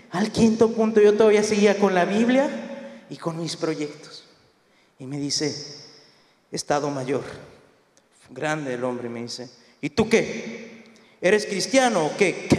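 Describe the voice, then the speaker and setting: A young man from Mexico with a northern Mexican accent, a pastor telling a lively story and acting out the voices in it. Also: high voice. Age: young adult. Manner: animated, acts out quoted voices. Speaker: pastor giving a talk. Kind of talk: storytelling talk. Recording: echoey hall.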